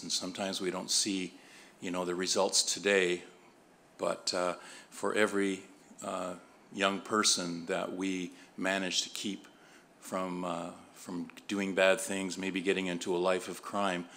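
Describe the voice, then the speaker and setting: A man on a police board giving a measured tribute speech at a meeting, pausing often with fillers. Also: low-pitched, vocal fry, fairly bright tone, a little hiss or hum.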